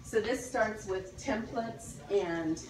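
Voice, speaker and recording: A woman gives an informal, explanatory guided tour in a large warehouse. Her voice sits at a middle pitch, picked up from a distance with plenty of echo and clear background noise. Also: slow. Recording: echoey, noisy warehouse, distant microphone. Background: loud warehouse ambience.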